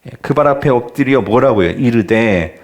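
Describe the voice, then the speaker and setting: A male pastor preaching an evening revival sermon in a church. He keeps asking the congregation questions and swings between loud emphasis and near-whispers. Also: medium pitch, lively intonation, normal speed. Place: church sanctuary.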